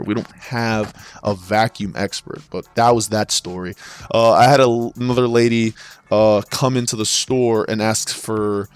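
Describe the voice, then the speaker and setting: A man's voice: medium pitch, no room sound. A man who works in retail sales, telling stories in an exasperated, profane rant with frequent stumbles and restarts. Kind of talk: ranting storytelling.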